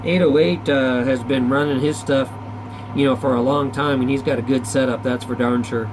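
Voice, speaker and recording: A man chats casually over CB radio from a back-room radio shack, folksy, slangy and rambling. His mid-range voice is steady at a normal speed, with background noise present.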